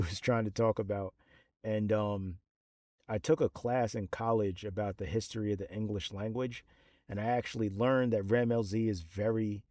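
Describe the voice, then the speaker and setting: A man's voice: fairly low pitch, mellow, dry recording, clean studio sound. A man in his thirties, a rapper, talks about his album in a rambling, casual monologue full of fillers and restarts.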